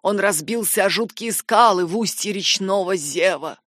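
A woman voicing a grim, shaken nobleman with a hoarse, rasping voice, speaking in slow, halting phrases for an audiobook. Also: medium pitch, a bit bright, dry recording, studio quality, natural voice. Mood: grave. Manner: halting, heavy delivery. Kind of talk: audiobook character voice.

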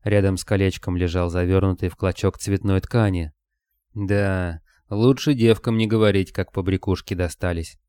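A man reads a novel aloud in a low, mellow, smooth voice with measured, expressive delivery. The recording is close and dry, with no room sound. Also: no room sound. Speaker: narrator. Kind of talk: scripted audiobook narration.

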